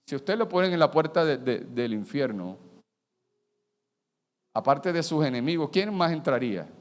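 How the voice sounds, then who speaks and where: Man, pastor, sermon, animated, acts out voices, slightly high voice, long church reverb. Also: normal speed. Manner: animated preaching, acting out quoted voices, swinging between loud and soft.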